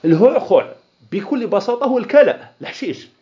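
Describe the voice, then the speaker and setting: Lively Algerian man teaching grammar. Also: on the high side, a little fast. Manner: asks the class questions and answers them himself; mixes classical Arabic with dialect. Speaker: Islamic studies teacher. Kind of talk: classroom lecture on Arabic grammar. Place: lecture hall of an association. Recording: dull lo-fi lecture recording.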